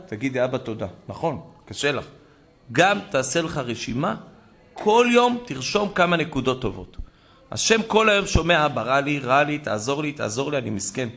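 A man preaching a sermon to a congregation, telling a story with animated swings between loud exclamations and hushed asides. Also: fairly high pitch, vocal fry. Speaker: rabbi preacher.

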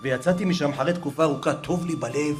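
Male preacher, slightly high voice, dramatic storyteller, soft music underneath. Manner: dramatic, swings from hushed to raised voice. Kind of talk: religious storytelling.

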